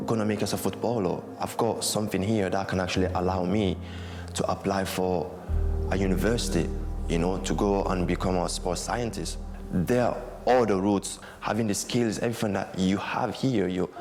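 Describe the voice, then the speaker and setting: Low-voiced man in his 20s, from Guinea, casual interview talk over a music bed. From Guinea, West Africa. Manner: relaxed, conversational, many "like, you know" fillers. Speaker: interviewee, former academy footballer.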